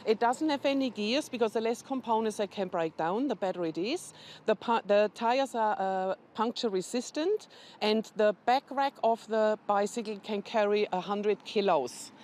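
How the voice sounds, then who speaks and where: A woman's voice: mid-range voice, normal speed, darkish tone. A woman speaking as a charity representative in a news interview, explaining things step by step in an informative way.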